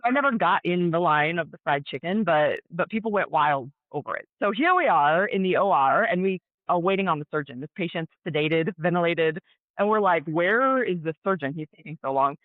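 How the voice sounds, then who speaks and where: A woman's voice: fairly low pitch, brisk, no room sound. This is a woman from Colorado in her thirties, a nurse and athlete chatting as a guest. She tells her stories animatedly and keeps the words coming. Her voice arrives through a narrow, tinny line with no room sound. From Colorado, USA. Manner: animated, chatty storyteller with many "like" fillers. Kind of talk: casual storytelling interview. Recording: tinny phone-like dry audio.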